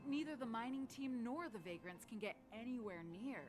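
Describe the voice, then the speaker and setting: A woman plays an injured mining-team woman from a video game, speaking earnestly with lively rises and falls in pitch. Game music plays clearly behind her, and she keeps her footing despite her sprains. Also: brisk, lightly acted. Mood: worried. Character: injured female miner, shaken but steady.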